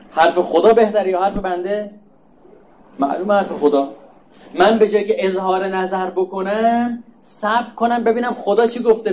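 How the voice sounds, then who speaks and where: A man with a notably high voice teaches from sacred verses in a lecture. He explains step by step, posing rhetorical questions and then answering them. At times he repeats a word softly for emphasis. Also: a little hiss or hum. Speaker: preacher. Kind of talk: religious lecture on Quran verses.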